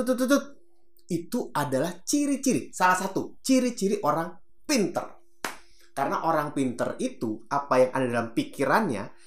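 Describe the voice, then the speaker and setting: A man who trains public speakers, teaching in a casual, animated way and acting out examples with sound effects. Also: sits high. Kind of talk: casual teaching talk to camera. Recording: roomy echo.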